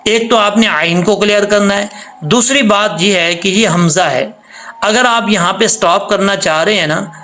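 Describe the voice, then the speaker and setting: A man with a high-pitched voice teaches Quran recitation, walking through pronunciation step by step. He explains patiently, then stretches each example word out slowly so it can be copied. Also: sharp tone. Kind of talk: tajweed lesson.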